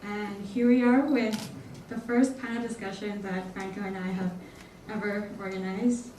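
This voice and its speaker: A young woman from Hong Kong, a student organizer, gives an earnest, slightly nervous prepared welcome speech in a large lecture hall. Her mid-range, mellow voice is fairly even in intonation at normal speed. The echoey hall is recorded from far off, with a little hiss or hum.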